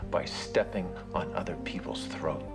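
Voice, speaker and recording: An actor playing a grave, determined young rich vigilante in a TV drama, speaking in an earnest, measured way. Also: male voice, deep voice, gravelly. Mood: intense, resolute. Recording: dramatic music behind the voice.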